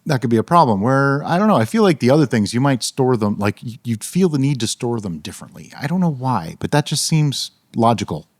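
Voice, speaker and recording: An opinionated man chatting on a homebrewing podcast, his pitch swinging widely as he makes his points. He reasons aloud and leans hard on his favorite advice. The sound is dry and close, with almost no room echo. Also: brisk, few pauses. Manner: animated, opinionated, rationalizing aloud. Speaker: podcast co-host. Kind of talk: casual podcast chat.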